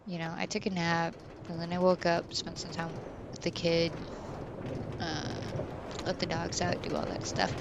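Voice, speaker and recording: A woman's voice: fairly low pitch, completely flat delivery, unhurried, pauses often, noisy background. Rambling, candid woman streamer. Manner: rambling and candid, full of fillers and "right?". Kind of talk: casual chat while streaming a game.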